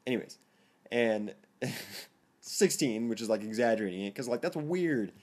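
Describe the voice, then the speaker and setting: A teenage boy telling a story to his camera in a casual vlog, rambling and self-conscious, often laughing and jumping into a higher, excited voice. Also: a little slow. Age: teens. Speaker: vlogger.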